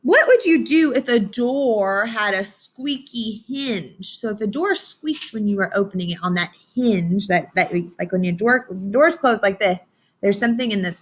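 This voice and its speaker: With a mid-range voice, a woman leads young children through an interactive read-aloud lesson. She is encouraging and instructional, frequently asking her listeners questions.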